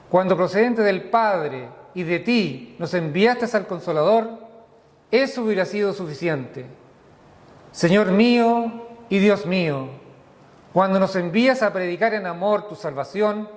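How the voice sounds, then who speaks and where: A man serving as minister, leading a church liturgy and reading prayers in a solemn, measured way, his voice ringing with a cathedral echo. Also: sits high, lively intonation. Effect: cathedral echo, long reverb. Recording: long echoey hall reverb.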